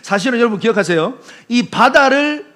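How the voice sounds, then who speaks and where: A man preaching a Sunday sermon as pastor, acting out quotes with sudden swings between loud cries and hushed words. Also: very high-pitched, lively intonation, a little fast. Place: church sanctuary.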